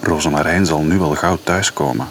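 A man's voice: a bass voice, steady tone, fairly quick, slight background noise, pitched below the performer's own voice. A prim, strict fairy mother from a children's storybook, voiced by a man reading aloud. She scolds in a proper, disapproving way. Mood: worried.

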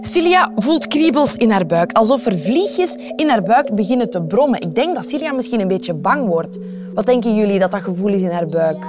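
A woman's voice: medium pitch, normal speed, over music. A woman with a Flemish accent reading a children's story aloud, asking her young listeners questions. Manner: lively, animated voices, asks the children questions.

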